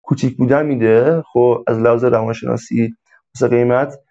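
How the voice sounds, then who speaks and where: A man's voice: mid-range voice, fairly even intonation, warm tone. Male instructor, casual chatty lesson delivery, repetitive examples, slightly lo-fi. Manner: conversational, repeats examples, many fillers. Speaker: online sales instructor. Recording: slightly dull lo-fi audio.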